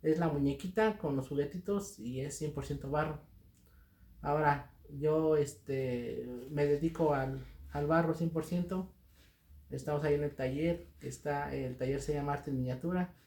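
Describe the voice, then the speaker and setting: A man's voice: a little high, moderate pace, a little mellow. A middle-aged man with a Mexican accent answering interview questions as a guest, speaking hesitantly with many fillers and restarts. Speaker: guest artisan. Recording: roomy echo.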